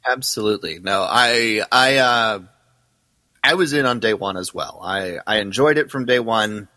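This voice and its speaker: A man's voice: on the low side, normal speed, bright, forceful tone, no echo, in a large hall, rough recording. A man co-hosting a casual podcast, enthusiastic but hesitant, with many fillers.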